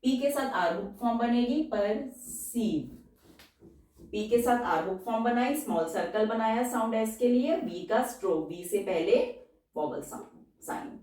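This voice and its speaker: A woman teaching a shorthand lesson, going step by step and repeating each example word slowly. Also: a little high, warm tone. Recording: very echoey room, voice from far off.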